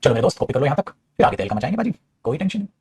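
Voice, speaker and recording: A man teaching English grammar in an animated, teasing classroom style, often calling his students "beta". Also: medium pitch, very fast, slightly rough. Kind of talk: lively classroom lecture. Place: studio.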